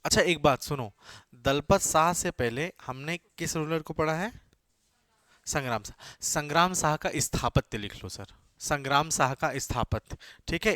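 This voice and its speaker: A man with a slightly high voice runs a classroom lecture, firing questions and repeating the answers so students can note them. He keeps urging them to answer quickly. The sound is dry and close, with no room echo. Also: bright, forceful tone. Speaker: teacher.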